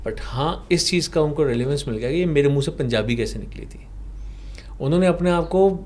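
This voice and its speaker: A man whose first language is Punjabi, a past life regression therapist in a podcast interview, recounting a client's session slowly with rhetorical questions. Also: a little high, darkish tone. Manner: slow, explanatory storytelling with rhetorical questions.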